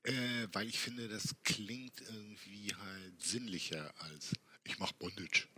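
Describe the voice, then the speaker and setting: An older man talking casually as an interview guest, explaining things in a halting, conversational way. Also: on the low side, steady tone, sharp tone, breathy edge. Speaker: podcast guest, workshop teacher.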